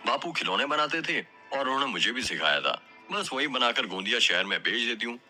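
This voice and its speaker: A man's voice: mid-range voice, very animated, a little fast, bright, forceful tone, faint music behind. A man voicing a poor but proud young village woman in an audio story, speaking sweetly and politely. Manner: sweet, polite, self-respecting.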